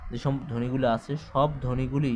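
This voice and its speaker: A man's voice: mid-range voice, level tone, fairly quick, background noise. Man teaching a grammar lesson. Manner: explains step by step, repeats points, asks the class questions. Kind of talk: exam-prep grammar lecture.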